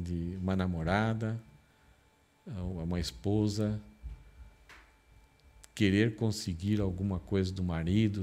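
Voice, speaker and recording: Deep-voiced pastor preaching dramatically. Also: male voice, a little mellow. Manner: dramatic, acts out quoted lines in raised voice. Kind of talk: expository sermon. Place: church.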